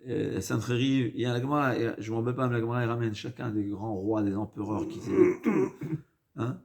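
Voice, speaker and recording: A man with a foreign accent in French, not his native language, giving an informal Torah lesson, haltingly repeating and rephrasing and mixing in Hebrew quotations. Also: medium pitch, steady tone, creaky, a little mellow. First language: not a native French speaker. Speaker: rabbi giving a religious lesson.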